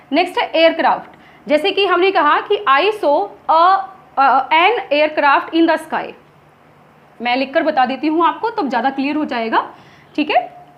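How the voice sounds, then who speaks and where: A woman teaching English grammar in Hindi, asking and answering her own questions and dictating examples slowly. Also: sits high, dull audio. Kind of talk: classroom lesson in Hindi.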